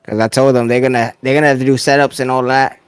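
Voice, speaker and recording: A man's voice: mid-range voice, flat delivery, fast talker, smooth, no echo. Laid-back new guy streaming. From New York City. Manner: laid-back, joking, greets chat loudly. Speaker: streamer guest. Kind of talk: casual chat on a live stream. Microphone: close to the mic.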